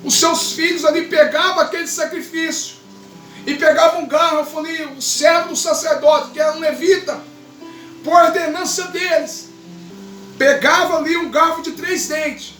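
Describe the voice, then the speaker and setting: A woman preaching a fervent sermon, often raising her voice to a shout for emphasis. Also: extremely high pitch. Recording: echoey, far from the mic, faint guitar behind.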